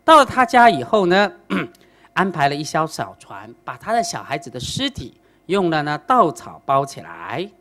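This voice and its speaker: A woman giving a Buddhist dharma talk, telling a story in an animated way and often asking the audience rhetorical questions. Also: low-pitched, moderate pace. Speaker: Buddhist lecturer.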